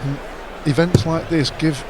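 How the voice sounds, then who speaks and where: A male darts co-commentator with a fairly high voice. He talks conversationally and explains as he goes, with clear arena noise in the background. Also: fairly even intonation, unhurried. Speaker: sports co-commentator. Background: noisy darts arena.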